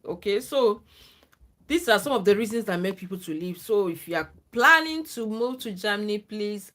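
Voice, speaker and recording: This adult livestream host, a former lecturer and non-native English speaker, speaks with a somewhat low, slightly bright voice. She gives her viewers earnest, easygoing advice, often pausing to ask "okay?"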